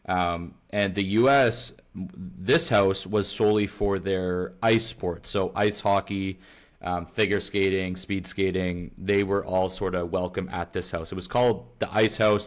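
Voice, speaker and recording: A man's voice: sits low, fairly even intonation, normal speed. A young man co-hosting a podcast, telling a story in a rambling, casual way full of filler words and restarts. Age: young adult. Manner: rambling, heavy on filler words and self-corrections. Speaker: podcast co-host.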